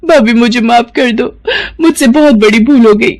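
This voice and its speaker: A woman's voice: a little high, normal speed, a little mellow, pitched above the performer's own voice, natural voice. A young sister-in-law , voiced by a woman, asks one worried question after another. Her voice sits well above the storyteller's own, and she stays fretful and sorry for herself. It is cartoon voice acting. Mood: remorseful. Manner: rising panicky questions.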